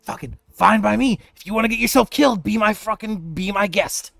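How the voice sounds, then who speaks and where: A man's voice: extremely high pitch, lively intonation, slow, gravelly, darkish tone, breathy edge, no echo, pitched above the performer's own voice, exaggerated voice. A man voicing a frightened, exasperated, foul-mouthed knight who pleads in a trembling voice for a tabletop game.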